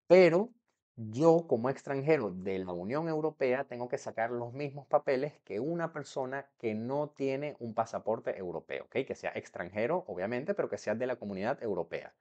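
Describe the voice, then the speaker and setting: A man's voice: mid-range voice, darkish tone. A young man from Venezuela explaining to camera how he moved abroad, in a chatty way that keeps checking in with the viewer. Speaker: vlogger.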